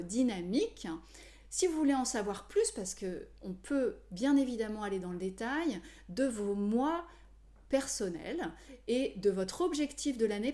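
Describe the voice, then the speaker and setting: A woman numerology coach explaining to viewers in a measured way, with frequent hesitations. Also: medium pitch, warm tone. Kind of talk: explanatory video talk to viewers.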